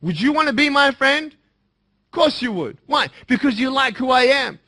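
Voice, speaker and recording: Bright-voiced young man, emphatic. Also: very high voice, expressive, normal speed. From Australia. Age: young adult. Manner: emphatic, swinging between bold declarations and hushed earnest appeals. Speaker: motivational speaker. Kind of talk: motivational speech to students.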